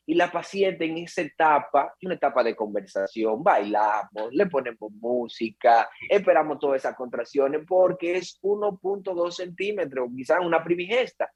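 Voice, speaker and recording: A man's voice: fairly high pitch, moderate pace, hardly any pauses, slightly rough. A man, an obstetrician, explaining labor in an interview and acting out patients and relatives as he goes. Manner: animated, acts out patients and relatives. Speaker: obstetrician guest.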